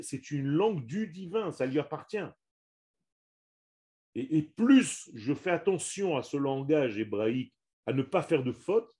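Warm and mid-range, a man's voice leads a religious lesson on Hebrew for a small group. His delivery is emphatic: he repeats himself, restarts phrases, and puts stress on each Hebrew term.

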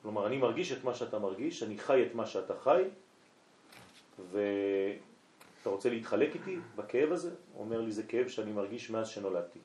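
A man's voice: lowish voice, expressive, a little mellow. A man, a rabbi, telling a story during a night lesson and acting out both sides of a conversation. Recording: echoey room.

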